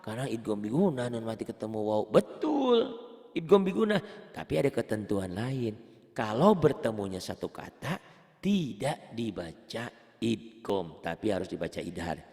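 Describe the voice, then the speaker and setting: A man's voice: on the low side, animated, normal speed, a little mellow, in a large hall. A man teaching Quran recitation rules one-on-one, patiently repeating points and quizzing his student. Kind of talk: one-on-one tajwid lesson.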